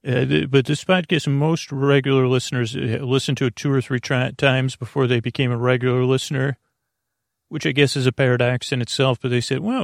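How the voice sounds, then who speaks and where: In clean studio sound with no room echo, a man of medium pitch and creaky voice meanders through a rambling bedtime monologue for his sleep podcast. He hesitates often, using lots of fillers and starting over.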